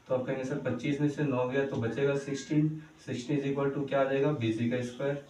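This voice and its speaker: A man's voice: mid-range voice, darkish tone. A male teacher giving a maths lesson in a coaching-centre classroom. He keeps asking the class questions, answers them himself, and checks in with the students again and again. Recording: echoey room, voice heard from a distance.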